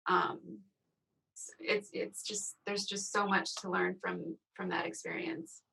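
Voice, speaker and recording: The woman's voice has a heavy, gravelly fry and a bright, tense edge. She speaks thoughtfully, pausing to search for the right words. She is heard over a video call. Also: medium pitch, fairly even intonation, low-quality recording. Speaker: actor panelist. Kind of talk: reflective casual panel talk.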